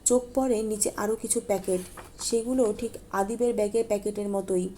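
A woman narrating an audiobook story in a steady, plain reading voice with small self-corrections. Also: medium pitch, fairly quick, a little hiss or hum.

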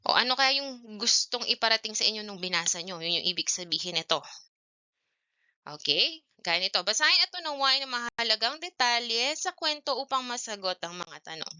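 A woman teacher giving a televised grade-one lesson, asking the children questions in an animated way and often checking in with "okay". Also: on the high side, fairly quick, smooth, no room sound, highs cut off.

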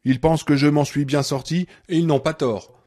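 A man's voice: fairly high pitch, steady tone, moderate pace, a little mellow, close to an everyday voice. A male reader voicing a sarcastic, menacing woman nurse who holds a man captive in an audiobook. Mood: menacing rage. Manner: sarcastic, seething, sudden rage.

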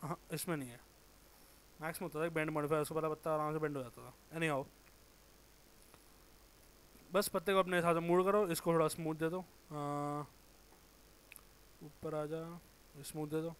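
A man with a sore throat giving a casual, informal software tutorial, thinking aloud, correcting himself and muttering as he works. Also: a little high, fairly even intonation, fairly quick, long pauses, slight background noise. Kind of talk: casual screen-recorded tutorial.

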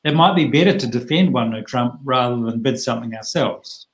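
Over a video call, a middle-aged bridge teacher explains a card hand. He's chatty and plain-spoken with lively asides, speaking briskly at an ordinary pitch.

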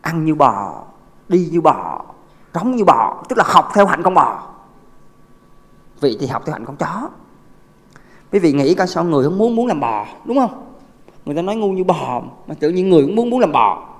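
A Buddhist monk preaches to a crowded temple hall, his voice pitched a little high for a man. He jokes and keeps asking his listeners questions in a lively way. A long reverb trails each phrase. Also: normal speed, pauses often. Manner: lively, joking, asks the audience questions. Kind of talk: humorous dharma talk.

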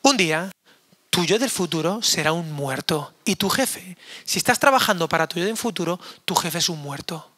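A hoarse male pastor preaching an energetic, joking sermon to young people in a church, acting out quoted voices. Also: on the high side, normal speed. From Spain. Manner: animated, jokey, acts out quoted voices. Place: church hall.

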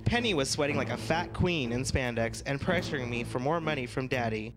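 A man's voice: medium pitch, lively intonation, a little fast, lightly acted, poor audio. A man playing a vain, catty drag queen, theatrical and self-dramatizing in a mock interview. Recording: music playing behind.

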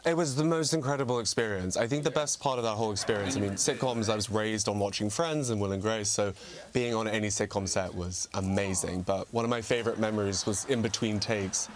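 A young man with a fairly low voice chats as an interview guest, bubbly and quick to laugh. He is half English and half American, and his talk is upbeat and goofy throughout. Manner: giggly and bubbly, laughing often. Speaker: guest, comic impersonator.

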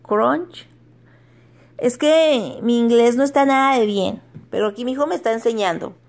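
A woman's voice: fairly high pitch, brisk, a little mellow. A middle-aged woman, chatting casually on a home vlog, laughing often and stumbling over English words. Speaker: vlogger.

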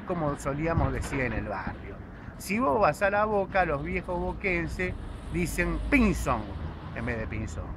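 A man with a Buenos Aires accent, explaining street names to someone beside him on a city street in a didactic, explanatory way. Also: a little high. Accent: Buenos Aires Spanish. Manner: didactic, explanatory, addresses listener directly. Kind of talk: casual on-camera street explanation. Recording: outdoor street with traffic noise.

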